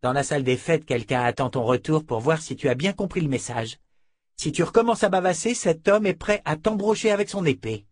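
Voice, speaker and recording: A man's voice: fairly high pitch, lively intonation, fairly quick, no room sound, pitched above the performer's own voice. A man voicing a brutal, contemptuous male henchman who barks orders with scorn, in an audiobook. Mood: menacing. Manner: menacing, scornful, commanding. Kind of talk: audiobook character voice.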